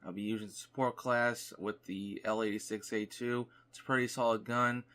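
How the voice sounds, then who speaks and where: A man's voice: lowish voice, level tone, normal speed, fairly bright tone. A young man, a gaming YouTuber, casually telling a rambling story over gameplay and filling his talk with "like.". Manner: rambling, lots of "like" fillers.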